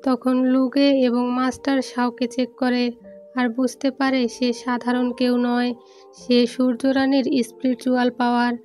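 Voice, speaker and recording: Woman doing a movie recap voiceover, kinda high and mellow, steady read, quiet music behind. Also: a little slow. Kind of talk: scripted movie recap narration.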